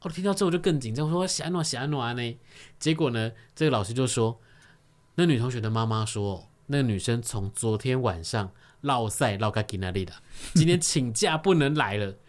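Animated Taiwanese man telling a funny story. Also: mid-range voice, fairly quick. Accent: Taiwanese Mandarin. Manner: animated, acts out voices and sound effects. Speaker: studio guest. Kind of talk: lively comic storytelling.

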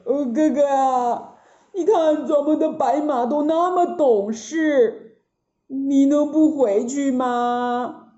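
A woman's voice: high voice, slow pace, mellow. A woman storyteller voicing an anxious, scheming male pig disciple who talks in a pleading, coaxing way. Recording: roomy, dull lo-fi recording.

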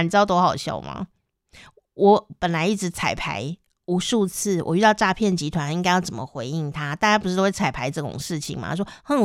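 A woman's voice: on the low side, no echo, studio quality. A young adult woman with a Taiwanese Mandarin accent, hosting a casual podcast and telling stories animatedly with frequent laughter. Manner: animated storyteller who laughs often. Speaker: podcast host.

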